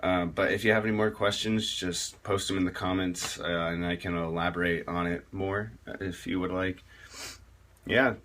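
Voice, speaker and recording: A man gives a casual spoken tutorial on metal vocal technique, rambling and halting with many fillers and restarts. His voice sits low and a bit bright, with fairly even intonation.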